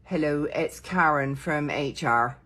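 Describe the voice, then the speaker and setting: A woman's voice: low voice, takes it slowly, fairly bright tone. A woman doing a comic sketch, repeating one greeting in a string of mimicked accents. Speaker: TikTok comedian.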